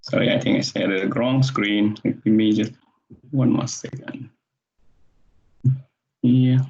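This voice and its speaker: A man from Vietnam with a Vietnamese accent, giving an online technical presentation, with frequent pauses and restarts. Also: lowish voice, fairly even intonation, a little mellow. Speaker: conference presenter. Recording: dull, muffled sound.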